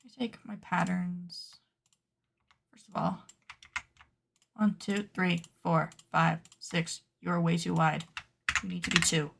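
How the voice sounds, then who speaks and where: A woman streaming casually while she works at a computer, playfully dramatic as she scolds her sewing patterns out loud. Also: on the low side, little pitch movement, slow pace, creaky, pauses often, noisy background. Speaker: cosplay pattern maker and streamer. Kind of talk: casual livestream chat while working at a computer.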